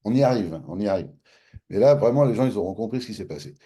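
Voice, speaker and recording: A man's voice: on the low side, fast talker, husky. A man from France with a French accent, telling a personal story in an interview and acting out past conversations. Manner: animated, acts out both sides of past dialogues. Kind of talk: casual storytelling.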